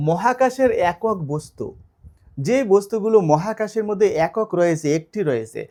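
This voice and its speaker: A man's voice: high voice, darkish tone. A man teaching an online grammar lesson, explaining step by step and asking his students questions.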